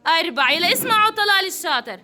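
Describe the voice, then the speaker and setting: A woman's voice: very high-pitched, animated, rapid-fire, sharp tone, soft background music. A woman teacher, coaxing and praising young children through a counting game. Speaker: preschool teacher.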